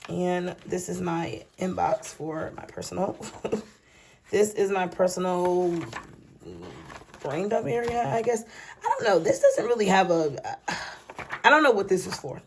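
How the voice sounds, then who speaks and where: A woman's voice: lowish voice, big pitch swings, measured pace, long pauses, slight background noise. Drowsy, chatty woman vlogger. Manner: chatty, folksy, addresses viewers as y'all and child. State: sleepy, yawning. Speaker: planner vlogger. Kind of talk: casual late-night planner walkthrough. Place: at home.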